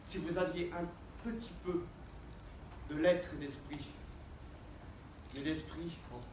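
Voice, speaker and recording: A man's voice: fairly even intonation, slow. A man acting as a proud, witty, mocking swordsman-poet in a hammy, declamatory theatrical verse monologue. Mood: scornful pride. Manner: hammy, declamatory, swinging between hushed asides and booming cries. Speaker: stage actor. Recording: roomy, distant mic, faint background noise.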